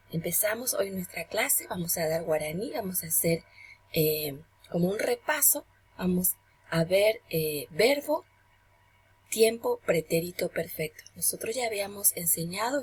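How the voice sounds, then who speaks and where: A woman teacher giving a remote lesson to children, gentle and patient, saying each term slowly. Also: on the low side, slight background noise.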